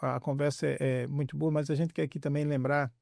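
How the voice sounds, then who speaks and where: A man hosts a podcast interview, searching for words with many fillers. His voice sits a little high and gravelly. The recording is dry and close. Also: level tone, quick pace, dry recording. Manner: warm, hesitant questioning with many fillers. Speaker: podcast host.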